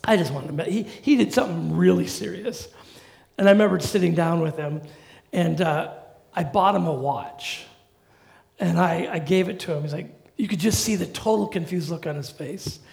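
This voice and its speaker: A middle-aged male pastor preaching a sermon in a conversational, animated way with humorous asides. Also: a little high, normal speed, creaky.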